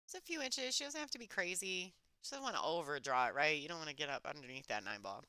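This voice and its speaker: A woman commentating live on a pool match in a restrained, soft-spoken golf-commentator voice, chatting conversationally as she follows the play. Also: low-pitched, animated, quick pace, no echo. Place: alone in a chilly room.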